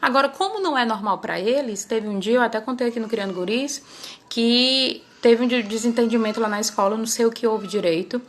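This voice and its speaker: A woman's voice: on the high side, brisk. A woman hosting her parenting channel, chatting casually and often ending her phrases with little tag questions. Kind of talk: casual talk to camera.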